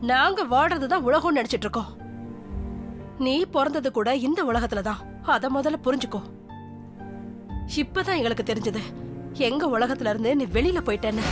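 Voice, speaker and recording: A stern middle-aged mother, scolding in a high, sharp voice. music rises under her lines in this dubbed film scene. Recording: film soundtrack with music behind.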